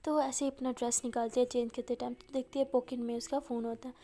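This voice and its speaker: A woman's voice: a little high, little pitch movement, fast talker, dark tone. A young woman telling a love story in a casual, conversational storytelling style.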